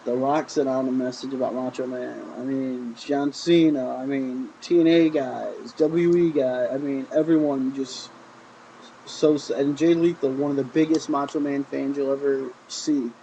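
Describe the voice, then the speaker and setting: A man's voice: medium pitch, steady tone, moderate pace, creaky, dark tone, slight background noise, poor audio. A man giving a casual, rambling review of a wrestling show, often repeating "I mean". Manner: rambling, with frequent "I mean" and restarts.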